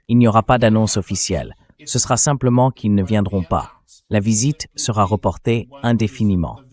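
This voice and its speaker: This man's synthetic dubbing voice is fairly low and a little mellow. It offers political commentary in a measured, analytical manner, as in a translated interview.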